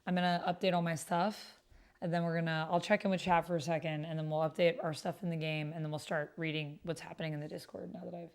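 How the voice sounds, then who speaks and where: Over the sound of computer keys, a low-pitched woman keeps up quick, level-toned livestream chatter as host of her own stream. She is gushing and informal, playing a text roleplay game and muttering to herself while typing and reading messages out loud.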